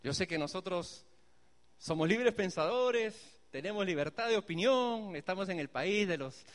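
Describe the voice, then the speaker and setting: A man's voice: high voice, normal speed, long reverb tail. A man preaching a sermon as pastor, emphatic and speaking straight to the congregation. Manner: animated, emphatic, addresses the congregation directly.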